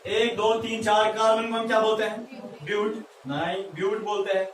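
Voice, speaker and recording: A man's voice: high-pitched, little pitch movement, moderate pace, slight background noise. A man teaching a chemistry class, talking to students as "beta" and playfully asking and answering his own questions. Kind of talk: classroom lecture. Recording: echoey room, mic far off.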